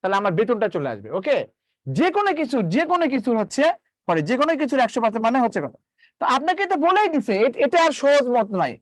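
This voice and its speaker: Male math teacher, rapid patter, swinging pitch, keeps re-asking the class. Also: sing-song, dry recording, studio quality. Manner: repeats questions to students, coaxing and drilling. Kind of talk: live online math lesson.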